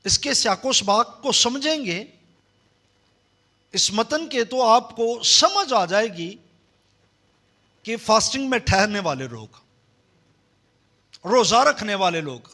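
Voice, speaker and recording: A man preaching a sermon, leading the congregation in call-and-response and swinging between loud emphasis and soft low passages. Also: lively intonation, slow, long pauses. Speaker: pastor.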